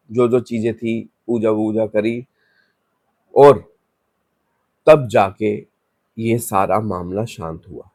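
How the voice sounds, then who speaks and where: Low-voiced man telling a ghost story. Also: a little mellow, no echo, clean studio sound. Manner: loose, conversational retelling with restarts. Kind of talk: casual spoken horror story.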